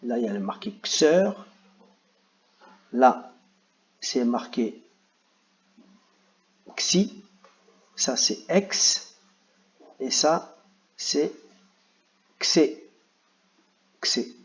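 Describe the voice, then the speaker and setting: A male teacher talks young pupils through their exercises step by step, patient and encouraging. His voice sits at an ordinary middle pitch. The recording sounds a little dull and lo-fi. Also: very animated, drawn-out words, pauses often. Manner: patient, encouraging, addresses children directly. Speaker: primary school teacher. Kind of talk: explaining worksheet exercises to children.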